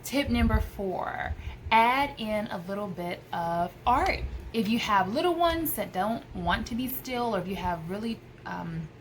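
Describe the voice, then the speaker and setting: In a casual vlog filmed indoors by a window in a small room, an American homeschooling mom in her thirties gives enthusiastic, emphatic tips with repeated phrases. Her medium-pitched voice has lively intonation and a measured pace, with a little hiss or hum.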